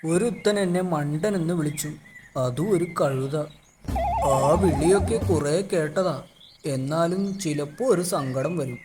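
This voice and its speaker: Slow, naive cartoon animal. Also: male voice, on the high side, noisy background. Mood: downcast. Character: simple-minded, naive, good-natured male cartoon animal. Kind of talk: cartoon voice acting.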